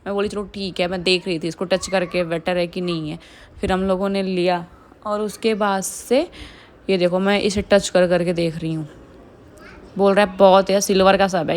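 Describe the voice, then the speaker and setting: A woman's voice: lowish voice, little pitch movement, normal speed, a little mellow, a little hiss or hum. A young woman from India, a chatty vlogger doing a casual voice-over who often laughs.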